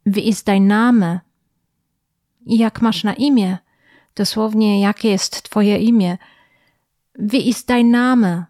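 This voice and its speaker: A woman narrates a scripted language lesson in a slightly high voice. She speaks slowly and deliberately, repeating short phrases for the listener to copy. The recording is dry and close, with no room sound. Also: a little mellow, no room sound. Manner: slow, careful pronunciation drills with repeated phrases. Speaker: language teacher.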